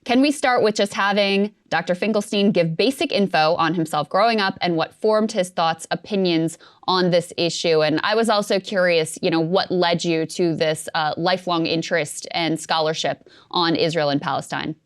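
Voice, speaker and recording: Low-voiced woman interview host. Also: normal speed, hardly any pauses. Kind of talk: interview questions.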